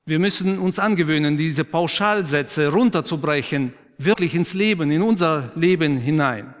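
Male preacher, a touch high-pitched, interactive sermon, softens for emphasis; church hall reverb. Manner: asks the congregation questions and affirms their answers; slows and drops to a quiet, emphatic tone for key points.

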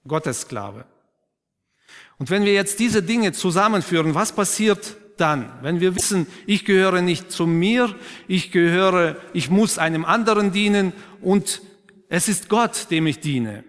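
In a church hall with noticeable echo, a somewhat high-pitched preacher keeps his sermon interactive by asking questions and affirming the replies he gets. When a point matters most, he softens, slowing into a quiet, emphatic delivery.

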